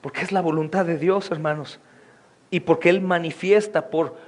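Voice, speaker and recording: High-voiced fervent preaching pastor. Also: male voice, fairly even intonation, moderate pace. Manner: fervent preaching, often addressing the congregation as brothers. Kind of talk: sermon.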